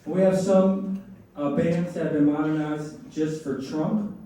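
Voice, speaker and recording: A middle-aged man performing stand-up comedy in setups and punchlines with pauses, to a laughing audience. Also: fairly high pitch, steady tone, mellow. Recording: roomy echoing live venue, distant mic, faint noise.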